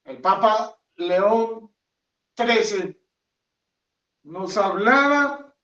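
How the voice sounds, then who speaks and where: A man's voice: high voice, lively intonation, drawn-out words, a bit bright. A man, a friar, preaching a homily with an emphatic, repetitive cadence and rhetorical questions, recorded in a chapel. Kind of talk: sermon. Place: chapel of a hermitage. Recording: echoey, dull sound from a distant mic.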